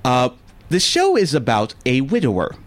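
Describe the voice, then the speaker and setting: A man in his forties co-hosts a radio talk show, bantering with playful, teasing enthusiasm. His voice sits in a middle pitch but bounces animatedly as he tells his stories. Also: wildly swooping pitch, normal speed. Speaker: radio co-host.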